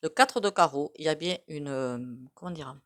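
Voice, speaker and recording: A woman with a regional French accent talks through a tarot card reading in a loose, conversational way. Her voice sits a little low, and she hesitates often, wandering off into asides. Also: normal speed, fairly bright tone. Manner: rambling, hesitant, many fillers and asides. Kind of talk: casual tarot reading to camera.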